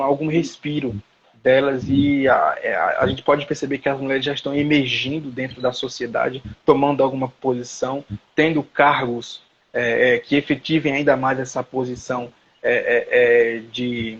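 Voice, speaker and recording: A man's voice: medium pitch, slightly rough, lo-fi sound. A man, lecturing as a professor in a live online class and searching for words aloud as he explains.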